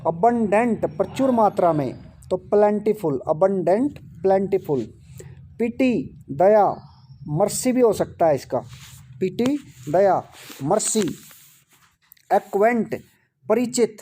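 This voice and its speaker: A man's voice: high-pitched, mellow, a little hiss or hum. A man teaching English vocabulary in Hindi. He repeats each word and its meaning and asks rhetorical questions as he drills the list. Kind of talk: vocabulary lesson.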